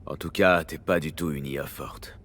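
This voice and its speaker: A man's voice: very deep voice, fairly even intonation, normal speed, a bit bright. A man playing a skeptical but loyal streetwise techie in a French video game, casual and matter-of-fact. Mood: disillusioned.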